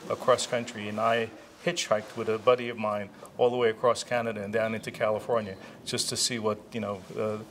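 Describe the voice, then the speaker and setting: A man in his sixties, born in Israel and raised in New Jersey, answering interview questions in an unhurried way with many pauses and restarts. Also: on the low side, level tone, fairly bright tone, slight background noise. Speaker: interviewee, retired chiropractor.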